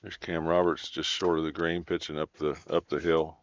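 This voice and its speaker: A man giving low-key golf commentary in a measured, understated manner. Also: little pitch movement, no echo, lo-fi sound.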